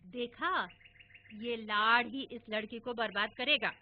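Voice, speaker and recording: A woman voicing a stern mother who scolds in a sharp, irritable way. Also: fairly high pitch, slow pace. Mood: scolding. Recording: tinny phone-like audio with faint hiss.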